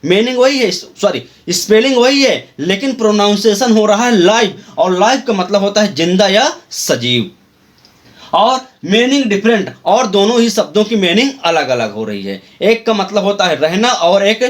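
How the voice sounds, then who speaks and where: A man teaching an English grammar lesson, explaining each point slowly, spelling words out letter by letter and repeating himself. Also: high voice, lively intonation.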